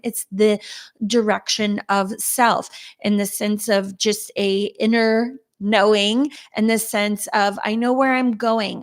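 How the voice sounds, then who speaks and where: A woman speaking unscripted as a spiritual guide, halting with searching pauses and gently instructing her listeners. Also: medium pitch. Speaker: spiritual guide giving an energy reading.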